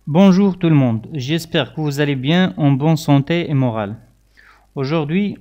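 A man teaching vocabulary, saying each word slowly and loudly and repeating it. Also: on the high side, muffled recording. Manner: slow, deliberate, loud repeated words. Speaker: English teacher. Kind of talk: vocabulary lesson with repeated pronunciation drills.

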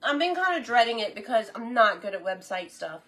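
A woman with a bright, forward voice hosts a live cooking stream. She chats casually and enthusiastically between bites, sometimes with her mouth full. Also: a little high, big pitch swings, fairly quick. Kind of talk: casual live-stream chat while tasting food.

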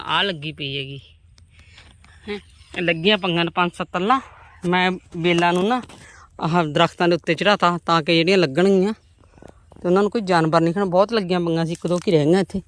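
A woman, chatting homely to viewers as she walks outdoors through her farm's vegetable plots. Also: on the low side. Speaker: vlogger. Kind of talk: casual farm vlog talking to viewers.

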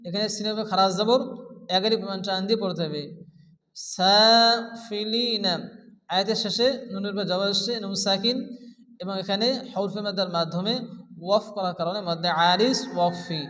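A man teaching Quran recitation, chanting verses slowly and melodically, then explaining pronunciation rules in quick spoken asides. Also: sits high, steady tone, a bit bright, big-room sound, low-quality recording. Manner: slow sung recitation alternating with quick explanations.

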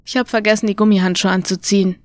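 A woman's voice: mid-range voice, steady tone, rapid-fire, darkish tone, dry recording, lightly acted. Woman voicing a cocky teasing young man. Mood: wry. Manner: wry, casual banter.

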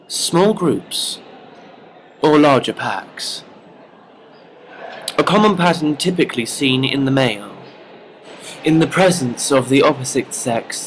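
Man, mid-pitched, for a deadpan wildlife-style narration over faint background hiss. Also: low-quality recording. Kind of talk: mock nature documentary narration.

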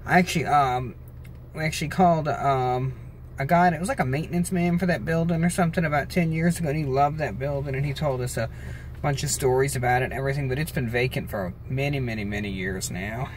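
An American man thinking aloud in an unhurried, casual way as he gives a rambling driving commentary. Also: mid-range voice. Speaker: vlogger driving. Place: inside a moving car. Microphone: handheld phone. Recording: loud car and road noise.

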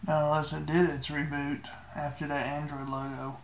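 A man's voice: fairly high pitch, completely flat delivery, moderate pace, a little hiss or hum. Casual man guiding a phone tutorial, echoey room. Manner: laid-back and joking, with mild swearing. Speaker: tech tutorial maker. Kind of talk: casual screen-recorded walkthrough.

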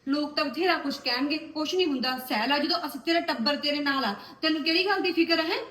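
Actress doing a soft comforting sister-in-law, highish voice, echoey room. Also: female voice, fast. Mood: soothing. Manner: soothing, coaxing. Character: caring young sister-in-law. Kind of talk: web series drama acting.

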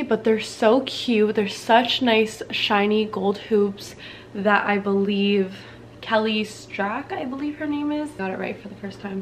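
A Canadian woman in her twenties, a beauty vlogger, chats casually to camera in a small, dim room, bubbly and full of slang. Her voice is medium-pitched, with a little hiss or hum on the recording.

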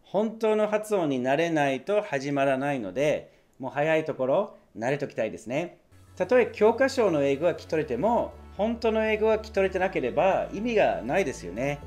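A man teaching English pronunciation in a clear, patient way, slowly repeating phrases for practice. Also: on the high side, big pitch swings, a little mellow, soft background music. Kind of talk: language lesson.

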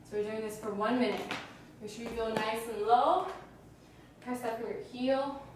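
A young woman gives workout instructions while exercising, slightly out of breath, in short cues with breathy pauses. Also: a little high. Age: young adult. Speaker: fitness instructor. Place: indoors, small carpeted living room. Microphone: camera a few meters away. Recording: echoey room, distant mic, faint noise.

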